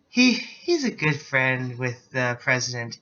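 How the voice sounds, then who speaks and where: A man slowly reading the lines of a wary young female student, halting over words. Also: mid-range voice, very animated, bright, forceful tone, voice pushed down, heavily acted. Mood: worried. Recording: dull lo-fi recording.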